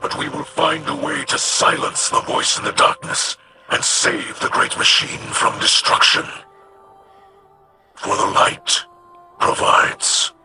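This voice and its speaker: This man's fairly high voice takes its time as he plays a stoic, solemn alien warrior chief in a video game. His lines are formal, weighty, and reverent, with music playing behind him.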